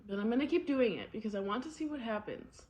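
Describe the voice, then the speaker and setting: A woman's voice: a little high, animated, fast, a little mellow. A woman speaks in a casual personal vlog style. She is candid and rambles along, often doubling back on her words and repeating them as she thinks aloud. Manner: candid, rambling, with frequent repetition. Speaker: vlogger.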